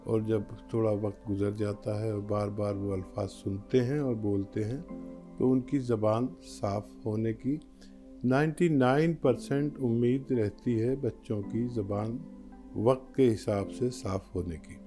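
एक आदमी, हकीम के रूप में, कार्यक्रम में आए सवालों का इत्मीनान से जवाब देता है और नुस्खे समझाता है।. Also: male voice, on the low side, dark tone, soft background music. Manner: slow, measured explanations. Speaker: hakim answering health questions. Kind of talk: advice program.

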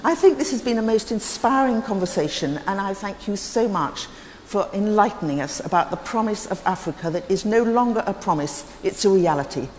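A poised, articulate woman moderates a conference panel at a middle pitch. Her voice rings with the long reverb of a large hall. Faint ambience sits behind her. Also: expressive, fairly quick, a little mellow, slight background noise.

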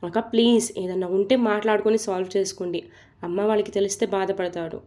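A woman's voice: medium pitch, fairly even intonation, quick pace, dark tone, soft background music, natural voice. A woman voicing a worried, teasing younger sister in an audio story.

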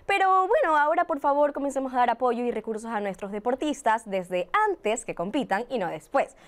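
A woman's voice: fairly high pitch, fairly quick. A young woman presenting a student news show in a studio, teasing and upbeat, on a lapel mic. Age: young adult. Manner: lively and teasing. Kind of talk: scripted satirical news reading.

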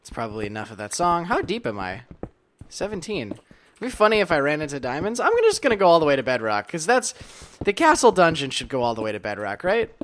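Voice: mid-range voice, wildly swooping pitch, fast talker, slight background noise. A video game host giving casual, playful commentary while playing, chatting to themself with silly asides. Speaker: let's play host.

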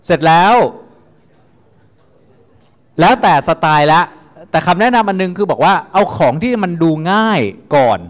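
Thai lecturer in an echoing hall. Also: male voice, high-pitched, lively intonation, normal speed, pauses often. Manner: casual, coaxing, repeats instructions. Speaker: university lecturer. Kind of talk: classroom lecture.

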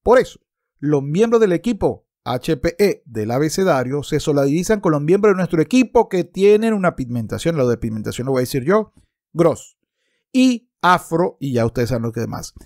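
A man in his thirties, voice on the high side and a little mellow, swings widely in pitch at a normal pace while arguing emphatically, as in an opinionated commentary video with passages read aloud. He records indoors in his book-lined home, close to a desktop microphone.

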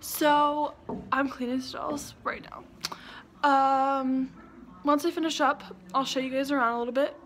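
This young woman's voice is high and fairly bright, with a steady tone and a slightly slow delivery. She laughs often while chatting casually to viewers, holding her phone camera at arm's length in a horse barn partly outdoors in rain. The recording is rough, phone audio full of barn noise.

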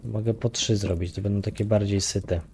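A man's voice: fairly low pitch, fairly even intonation, normal speed, a little mellow, a little hiss or hum. A man casually talking through his own game play, muttering counts and grumbling with light swearing. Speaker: gaming YouTuber. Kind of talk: casual let's-play commentary.

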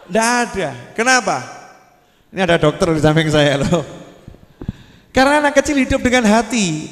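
A man preaching a sermon, asking the crowd questions and drawing out his words. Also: sits high. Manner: lively, asks the crowd questions and draws out words. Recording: long hall reverb.

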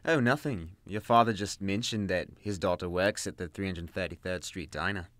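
A man's voice: sits low, normal speed, fairly bright tone, no echo. A man voicing a dry, sarcastic demon hunter.

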